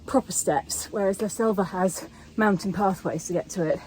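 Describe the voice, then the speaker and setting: A woman's voice: medium pitch, normal speed, a little mellow, slight background noise, low-quality recording. A woman talking casually to camera in a vlog while climbing mountain steps outdoors, out of breath. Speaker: vlogger.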